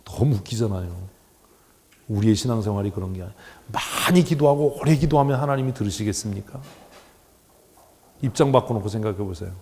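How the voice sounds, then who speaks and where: A man preaching a sermon as pastor in a church, animated and joking, acting out the voices he quotes. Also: on the low side, brisk, long pauses. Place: church sanctuary. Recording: church hall with long reverb.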